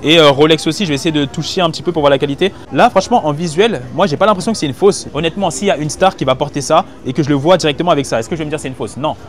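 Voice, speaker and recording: He races along with hardly any pauses, his voice fairly high, as he shops busy market stalls and reviews what he finds for his viewers. The vlogger uses casual, slangy French and thinks aloud. A hidden mic catches it all candidly on location, over background music.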